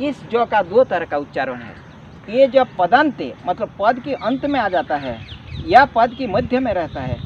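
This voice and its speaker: Animated high-pitched male yoga teacher, off-mic. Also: recorded from a distance. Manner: earnest, explanatory, repeats key words. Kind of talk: spoken lesson on yoga. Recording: dull lo-fi sound with faint outdoor noise, off-mic.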